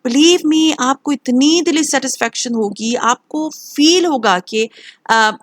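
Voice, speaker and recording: A woman's voice: high voice, no echo, studio quality. A middle-aged woman from Pakistan with a Pakistani Urdu accent, talking in a casual advice vlog, earnest and encouraging, dropping English phrases into her Urdu. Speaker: lifestyle vlogger. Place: home.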